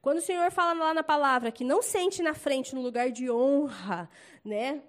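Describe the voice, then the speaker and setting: A young Brazilian woman with a Brazilian Portuguese accent giving a casual, chatty church testimony and acting out loud quotes. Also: sits high, normal speed. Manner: chatty, animated storytelling with loud acted quotes.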